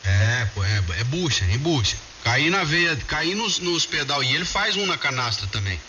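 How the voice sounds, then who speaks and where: A Brazilian man, an amateur radio operator in a group contact, chats casually and colloquially with friends over a shortwave ham radio transmission, calling them by name. His voice is a little high and sing-song, bright and forceful, at normal speed. The signal is muffled, hissy and very noisy.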